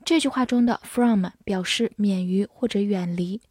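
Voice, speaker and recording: A woman teaching English words in a patient vocabulary lesson. She spells each word letter by letter and reads example sentences slowly. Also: mid-range voice, darkish tone, husky, no room sound, studio quality. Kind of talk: vocabulary lesson, spelling and slow read-alongs.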